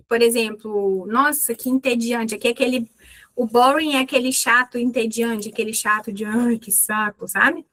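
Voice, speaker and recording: A Brazilian woman teaching an English lesson, explaining in a clear instructive way and repeating English words slowly for practice. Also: fairly high pitch, a bit bright. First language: Portuguese.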